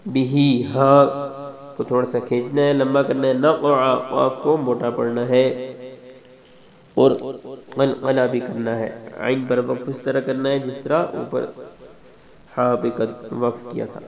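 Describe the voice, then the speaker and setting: A man teaching Quran recitation rule by rule, explaining briskly and methodically. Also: medium pitch, flat delivery, gravelly. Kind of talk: step-by-step recitation instruction. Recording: tinny, echoey, phone-like sound.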